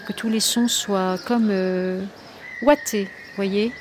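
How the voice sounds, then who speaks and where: A woman's voice: medium pitch, fairly even intonation, takes it slowly. A woman speaking reflectively in an interview, searching for words and repeating phrases for emphasis. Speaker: interviewed poet and flight attendant. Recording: clear ambient noise behind voice.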